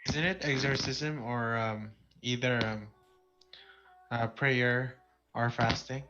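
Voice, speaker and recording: A man's voice: mid-range voice, fairly even intonation, slow, bright, forceful tone, muffled recording. A young man in a casual study group discussion, talking hesitantly with many ums and uhs.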